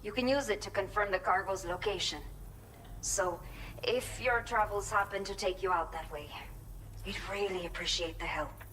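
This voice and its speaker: A weary but determined ex-bandit mother-to-be , voiced by an actress in a video game, speaking with a Mexican accent. Her delivery is earnest and measured, at an ordinary mid pitch. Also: a bit bright, a little hiss or hum, natural voice, low-quality recording. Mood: pleading. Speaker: game character giving delivery orders.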